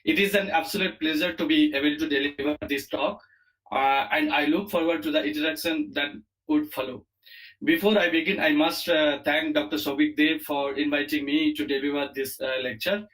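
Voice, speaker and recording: A man with an Indian accent giving an online academic lecture as a professor, speaking haltingly with many fillers and repeated words. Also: fairly high pitch, fairly even intonation, a bit bright, poor audio. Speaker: university lecturer, chemistry professor.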